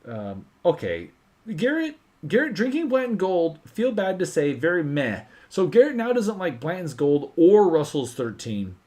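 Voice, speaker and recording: Excitable man chatting on a livestream. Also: on the high side, moderate pace. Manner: excitable, swears freely, animated storytelling. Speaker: host of a whiskey livestream. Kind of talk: casual livestream chat.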